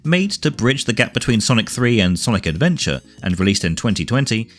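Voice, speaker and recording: A man's voice: medium pitch, sing-song, fairly quick. A man narrating a scripted game retrospective with wry, dry asides over background music. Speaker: video game reviewer and narrator. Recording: music behind the voice.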